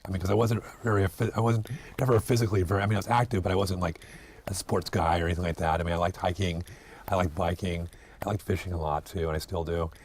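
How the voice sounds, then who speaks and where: Low-pitched forties guy, thinking out loud, restarts a lot, slight background hiss. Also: fairly even intonation, fast. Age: 40s. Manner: hesitant, many fillers and restarts. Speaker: acupuncturist guest. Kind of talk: reflective interview talk.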